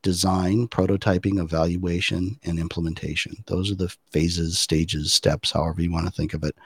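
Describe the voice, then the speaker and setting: A man's voice: deep voice, level tone, normal speed, husky. A middle-aged man talking casually as a podcast guest, explaining things thoughtfully with loose fillers and restarts. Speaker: podcast guest, design practitioner.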